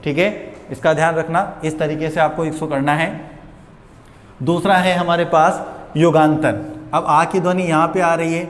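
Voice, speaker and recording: A young male teacher gives a slow, patient grammar lesson, spelling out each rule step by step. His voice sits a little high, and the room echoes with a long ringing tail. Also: steady tone. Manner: patient, repeats each rule slowly, asks questions and answers them himself. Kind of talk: exam-prep grammar lesson.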